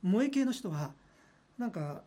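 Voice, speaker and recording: A man's voice: sits high, big pitch swings, measured pace, dark tone. A man working as a radio personality, chatting casually and animatedly in a studio, often laughing and imitating voices.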